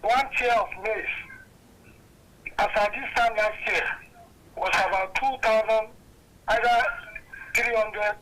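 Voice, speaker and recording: A Nigerian man calling in to a talk show over a clipped phone line, talking earnestly and haltingly and often repeating himself. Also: sits high, a bit bright. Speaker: caller. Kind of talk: call-in comment on a talk show.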